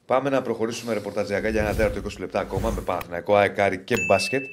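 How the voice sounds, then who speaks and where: A man's voice: lowish voice, fairly even intonation, slight background noise. A man hosting a casual sports betting podcast, plugging the channel and bantering upbeat.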